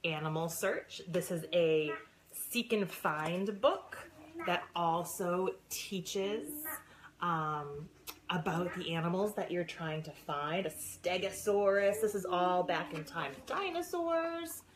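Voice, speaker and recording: A woman's voice: fairly low pitch, slow, background noise. A middle-aged woman gushing over new books in a casual unboxing vlog, squealing and gasping with delight. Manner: gushing, excitable, squeals and gasps. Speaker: book seller and former science teacher.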